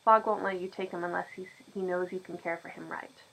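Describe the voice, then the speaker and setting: A woman voicing a folksy older male farm handyman who teases in loud, drawling country talk. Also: fairly low pitch, fairly even intonation, fairly quick, vocal fry, rough recording. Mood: eager.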